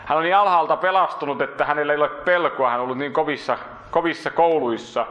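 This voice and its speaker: A man preaching a sermon in earnest, lifting his voice for emphasis and then dropping it low and slow. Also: a bit bright, echoey room, lo-fi sound.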